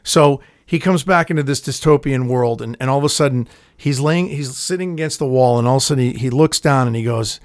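A man's voice: mid-range voice, brisk, dry recording, clean studio sound. A man telling stories in a casual chat, rambling and swearing, acting out the scenes. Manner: rambling storyteller, swears often, acts out scenes.

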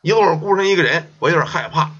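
A man's voice: fairly high pitch, animated, fast talker, a bit bright, husky. A man voicing a timid young male scholar traveling alone, nervous and stammering. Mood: anxious. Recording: dull lo-fi recording.

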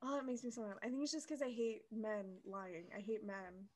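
A woman's voice: medium pitch, moderate pace. A young woman co-hosting a podcast, chatting casually and ranting heatedly, with a lot of swearing. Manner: animated, swears, heated rants with quoted voices. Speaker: podcast co-host. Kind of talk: casual chat.

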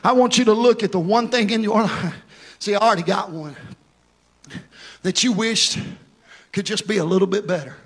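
Pastor, male, very high voice, fervent sermon delivery with sung phrasing. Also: slightly rough. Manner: impassioned preaching with sung, drawn-out phrases; repeats words when telling stories. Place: church.

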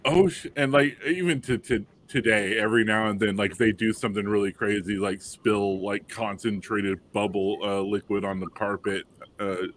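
A man, telling a personal story on a panel, halting with fillers and restarts but animated when quoting others. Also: fairly low pitch, slight background noise. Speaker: panel guest father.

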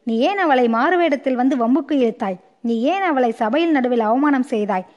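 A proud, grieving queen mother who scolds with impassioned force in an audiobook story, as a woman reads her part. The voice sits high. The recording is dull and lo-fi. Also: fairly quick, a little mellow, lightly acted. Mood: reproachful.

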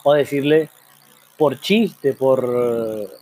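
Guy musing out loud on his show, asks lots of questions, slow pauses, warm dark voice. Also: medium pitch, animated. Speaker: program host. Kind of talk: reflective spoken monologue.

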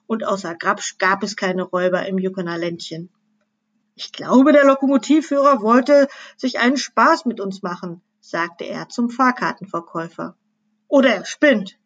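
A woman teacher reading a children's book aloud to her class in a lively storytelling manner. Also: medium pitch, breathy edge.

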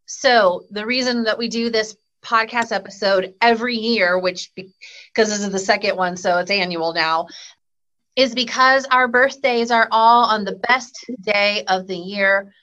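A woman's voice: medium pitch, unhurried, bright, forceful tone, lo-fi sound. A woman hosting a podcast, chatting casually and upbeat with lots of fillers. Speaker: podcast host.

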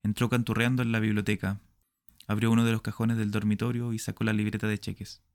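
A man reads a short story aloud with a deep, gravelly voice. His delivery is measured and dramatic, in the manner of audiobook narration. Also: level tone, no echo, studio quality.

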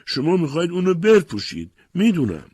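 Man putting on a frantic mother, pleading and raised, husky, pitched up high, audiobook. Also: wildly swooping pitch, darkish tone, no room sound, studio quality, full character voice. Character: desperate enslaved mother, adult woman.

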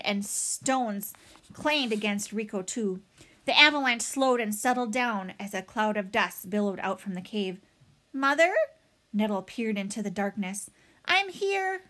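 A woman reading a children's novel aloud in a dramatic, expressive way. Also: medium pitch. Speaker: audiobook reader. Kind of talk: storybook read-aloud.

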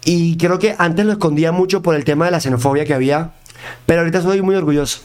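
A man's voice: a little high, fast, darkish tone, clean tone. A man with a Venezuelan accent mixed with Mexican slang, chatting informally and profanely as a singer being interviewed. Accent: Venezuelan Spanish with Mexican slang. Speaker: interview guest, singer and producer. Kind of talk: casual conversational interview.

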